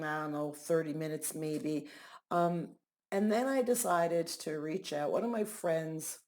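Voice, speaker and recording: A woman's voice: deep voice, darkish tone. A middle-aged woman talking candidly in a casual vlog as an angel card reader, frank and swearing freely. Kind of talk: casual personal vlog talk. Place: living in Mexico.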